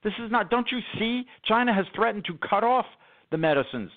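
A man's voice: high-pitched, lively intonation, a little fast. Emphatic man on a phone line. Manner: emphatic, sarcastic, rambling with many fillers. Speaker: radio show guest, policy analyst. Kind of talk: political call-in radio talk. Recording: phone-line call-in audio.

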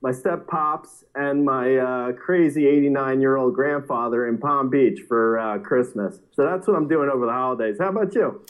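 A man's voice: medium pitch, moderate pace, clear, resonant tone, low-quality recording. A man with a New Jersey accent co-hosting a podcast over a video call, joking around and laughing often. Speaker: podcast co-host. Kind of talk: casual chat.

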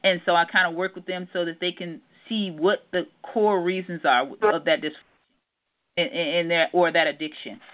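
A woman's voice: on the low side, fairly even intonation, moderate pace. A middle-aged woman, a family therapist, calling in to a radio show over the phone. She talks earnestly, with many ums and repeated words. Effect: heard over a phone line. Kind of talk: casual radio call-in interview. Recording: narrow tinny phone line.

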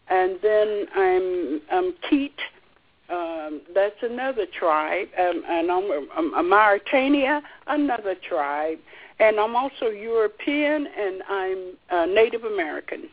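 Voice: medium pitch, animated, a little slow. Rambling guest on a tinny phone line. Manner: rambling, hesitant, with many restarts. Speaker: call-in guest. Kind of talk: casual radio interview chat.

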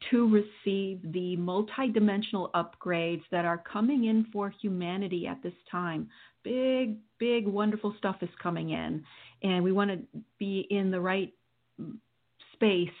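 A woman hosting a spiritual healing session, guiding listeners through meditation with soothing, deliberate phrasing and pauses. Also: medium pitch. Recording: muffled, dull lo-fi audio.

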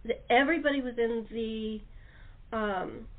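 Speaking slowly with a fairly high pitch, this woman comes across on narrow, thin phone-line audio. The talk show host and radio-play producer keeps things casual, chatty and enthusiastic.

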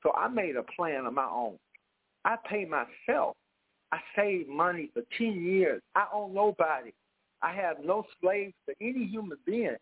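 A man's voice: high voice, lively intonation, measured pace, husky. A man calling in to a radio talk show over the phone, speaking emphatically and firing off rhetorical questions. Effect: heard over a phone line. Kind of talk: impassioned call-in commentary. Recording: tinny phone line on radio.

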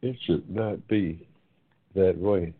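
An older man in his seventies hosts an online forum in a loose, unhurried monologue. His voice sits low, and he takes his time, pausing and stretching his words as he reflects. The sound is thin and boxy, like a phone call. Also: breathy edge. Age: 70s. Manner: unhurried and reflective, with many pauses and drawn-out words. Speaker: host of an online talk forum. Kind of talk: casual monologue. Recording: tinny phone-line sound.

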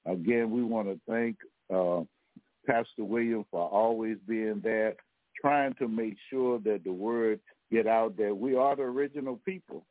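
A man hosting a history talk podcast, lecturing in a rambling, halting way with many fillers and restarts, heard over a phone line. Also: lowish voice, dry recording. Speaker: podcast host. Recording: tinny phone line, dry.

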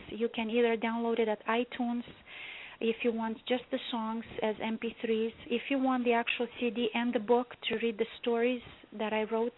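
A woman's voice: on the high side, slight background noise. A woman from Romania, a singer being interviewed on a phone-in show, chatty and full of restarts. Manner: chatty, restarts a lot, laughs often. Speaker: guest singer. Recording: tinny phone line.

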